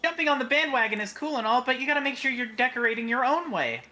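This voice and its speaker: A woman's voice: sits high, lively intonation, quick pace, pushed and bright, pitched above the performer's own voice. A woman voicing a gushing fashion-loving schoolgirl. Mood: cheery. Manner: cheery, gushing. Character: upbeat fashion-loving teenage girl.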